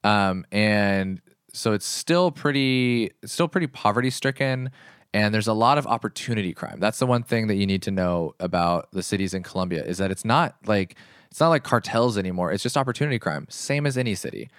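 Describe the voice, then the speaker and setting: A man's voice: fairly low pitch, brisk, clean tone, dry recording, studio quality. A young man co-hosting a casual chat, telling travel stories in a laid-back way and swearing casually. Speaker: podcast co-host.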